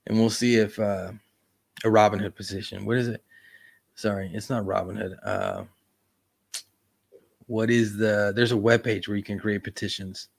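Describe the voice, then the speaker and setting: A man with a fairly low voice hosts a casual livestream, chatting loosely to his viewers. He rambles in a laid-back, easygoing way, trailing off and restarting as he thinks aloud. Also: expressive, moderate pace, gravelly, long pauses. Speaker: YouTube livestream host.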